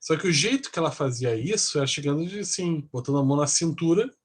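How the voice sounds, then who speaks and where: A man's voice: on the high side, expressive, fast talker, slightly rough. A male psychology lecturer, explaining patiently in a class and often ending sentences with a questioning "né?".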